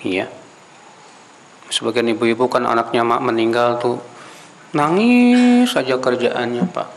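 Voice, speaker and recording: A man's voice: mid-range voice, measured pace. A man giving a conversational Islamic lecture who asks the audience rhetorical questions, addresses them directly as sir and brother, and recites Arabic phrases before translating them. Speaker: Islamic preacher. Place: Islamic study gathering.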